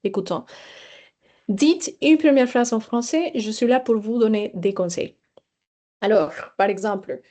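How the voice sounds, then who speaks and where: A woman teacher walks listeners through a webinar presentation, explaining hesitantly with fillers and restarts. Her voice is mellow and sits slightly high.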